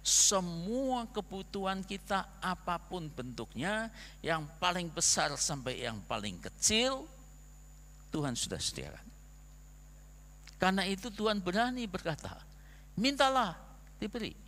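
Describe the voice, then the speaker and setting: A male pastor preaching a sermon in a church, animated, with rhetorical questions and acted-out quotes. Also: sits high, a little slow. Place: church sanctuary. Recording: long reverb of a church hall.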